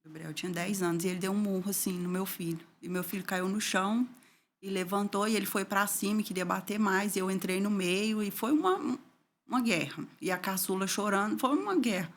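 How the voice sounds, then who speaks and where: As an interview guest, a middle-aged Brazilian woman gives a fairly quick, emotional account of her personal story, her voice falling low, soft and tearful whenever the memories turn painful.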